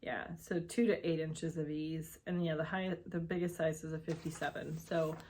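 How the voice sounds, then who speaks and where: A woman's voice: deep voice, flat delivery, normal speed, a little mellow, a little hiss or hum. A woman hosting her knitting podcast at home, chatting casually and rambling with lots of fillers and asides. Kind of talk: casual chat.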